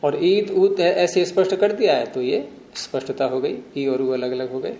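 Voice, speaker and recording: A man's voice: fairly high pitch, animated, normal speed, dark tone, roomy sound. A man teaching Sanskrit grammar in a classroom lecture, patiently explaining and quizzing his students.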